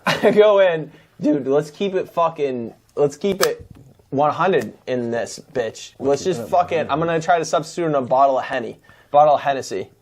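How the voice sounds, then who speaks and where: A brash man in a casual comedy chat who laughs often and uses crude slang. His voice sits slightly high. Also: lively intonation, normal speed, a little mellow. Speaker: panelist.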